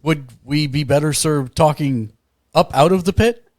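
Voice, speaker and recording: A man's voice: fairly high pitch, a little slow, a little mellow, no echo, studio quality. A man playing a tabletop game, mixing casual banter with narration of his character's actions.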